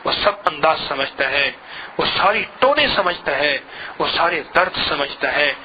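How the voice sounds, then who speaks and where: A man's voice: a little high, lively intonation, highs cut off, slight background noise. A man giving an emotional devotional sermon as a spiritual lecturer, pleading and repeating phrases as his intensity swells.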